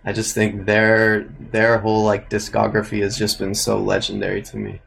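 Young Canadian man, music producer guest; low register, laid-back, rambling with ums and likes. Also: moderate pace, vocal fry, a little hiss or hum, poor audio. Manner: relaxed, thinks aloud with many fillers. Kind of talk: casual interview answers.

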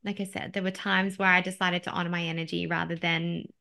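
A woman's voice: fairly low pitch, level tone, fast, vocal fry, sharp tone. A woman in her thirties, a podcast host sitting as the guest, talking candidly and laughing often at herself in a conversational interview.

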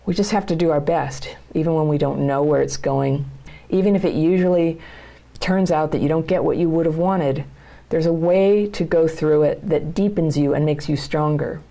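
A middle-aged woman with a low voice, talking straight to her viewers about their lives. Her tone is dark and mellow, with a gravelly edge. She speaks as a coach, earnest and plain-spoken. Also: normal speed. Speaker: channel host and coach. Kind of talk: direct-to-camera advice talk.

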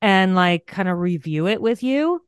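A woman's voice: medium pitch, unhurried, clean tone, no echo, clean studio sound. A woman podcast host and coach, chatting casually and animatedly in an interview, telling stories about herself and laughing often. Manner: animated storyteller, self-deprecating, laughs often.

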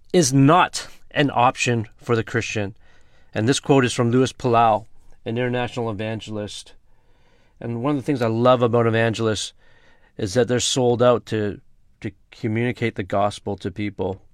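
A man's voice: medium pitch, no room sound, studio quality. A man preaching a casual, earnest sermon as pastor, talking conversationally with everyday slang and reading scripture aloud.

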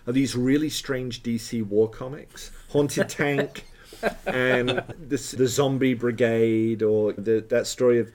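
A man's voice: medium pitch, steady tone, slow, few pauses, darkish tone, slight background noise. A man from South Florida co-hosting a podcast, telling rambling, anecdotal stories in a casual chat and slipping in dry jokes. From South Florida, USA. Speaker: podcast co-host.

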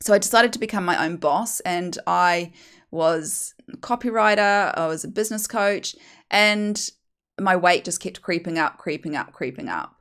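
A New Zealand woman in her forties, a podcast host and hypnotherapist, tells her own story in a candid, chatty, self-mocking monologue with a New Zealand accent. Her fairly low voice has a fairly bright tone and a moderate pace. The sound is clean.

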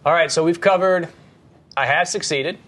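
A man co-hosting a leadership podcast, speaking in a measured way and slowing down to stress key phrases. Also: a little high, a bit bright, slight background noise. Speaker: podcast co-host. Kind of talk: casual leadership podcast chat.

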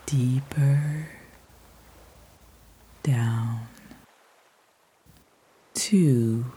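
A woman guiding a sleep meditation like a slow soothing countdown, hushed and trailing off toward a whisper, as a podcast host. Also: extremely low pitch, slight background noise. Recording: soft music behind the voice. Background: soft music.

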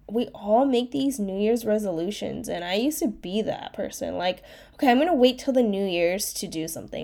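Rambling casually on her solo podcast, a young life coach and host speaks at medium pitch with a mellow quality. A cold has made her voice nasal.

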